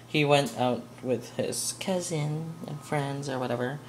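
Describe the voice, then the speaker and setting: A woman's voice: deep voice, measured pace, slight background noise. A young woman chatting casually as she cooks in her home kitchen for a vlog, rambling and giggly. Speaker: cooking vlogger.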